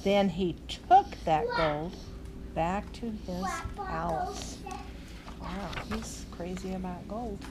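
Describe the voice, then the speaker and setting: In a big lodge room with a fireplace, amid noticeable ambient noise, an older woman reads a children's book as a grandmother would, with expression and exclaimed asides. Her voice is mid-range, sing-song and slow.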